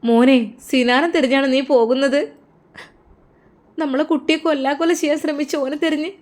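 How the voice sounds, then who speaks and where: A woman's voice: high voice, steady tone, moderate pace, a little mellow, voice pushed up, natural voice. A woman with a Malappuram Malayalam accent voicing a worried mother who pleads with her son. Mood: anxious. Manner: anxious, pleading. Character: worried middle-aged mother.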